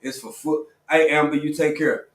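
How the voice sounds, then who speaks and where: A man hosting a casual livestream, talking in a relaxed, conversational way with lots of quick affirmations. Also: on the high side, recorded from a distance. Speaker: livestream host. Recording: roomy sound, a bit off-mic.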